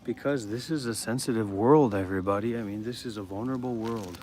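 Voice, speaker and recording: Speaking briskly in a lowish register, a live-streamer at a meditation center chats in a relaxed, heartfelt way, hopping from thought to thought. He's an American from Maryland using a phone, and the live audio is plainly noisy.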